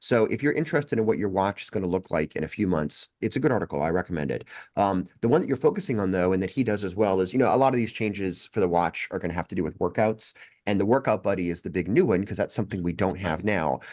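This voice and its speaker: Low-voiced man explaining tech casually. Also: fast. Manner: relaxed explaining, frequent fillers and restarts. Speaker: podcast co-host.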